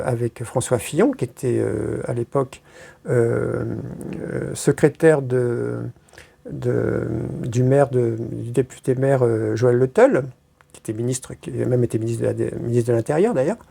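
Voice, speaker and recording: A woman being interviewed tells stories casually and ramblingly, with many hesitations and crude slang. Her voice is rumbling low, gravelly and mellow, with a breathy edge.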